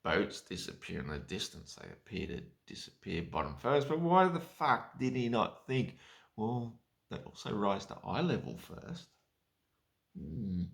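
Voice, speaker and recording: Drunk, rambling man with a low, creaky voice. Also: sing-song, unhurried, fairly bright tone. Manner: drunk, rambling, losing the thread; sweary, sarcastic. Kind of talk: rambling solo drunken rant.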